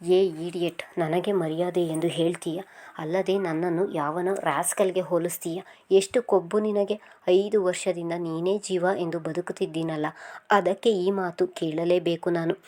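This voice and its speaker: A woman's voice: fairly low pitch, fairly even intonation, moderate pace, dark tone, natural voice. A woman reading the part of a young man in love, hot-tempered and possessive, who talks insistently. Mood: angry. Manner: insistent, pleading then angry.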